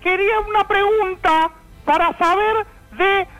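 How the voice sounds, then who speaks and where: Guy putting on a squeaky flustered old man on the phone, keeps tripping over words. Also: steady tone, fairly bright tone. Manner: stammering, fussy, slow. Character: flustered elderly male caller, enthusiastic party fan.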